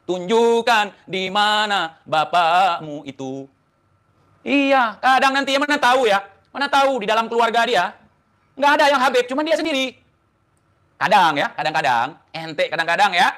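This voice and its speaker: High, bright-voiced defiant man. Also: brisk. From Indonesia. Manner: defiant, taunting, rhetorical questions. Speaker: online talk show host. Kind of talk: heated monologue to camera.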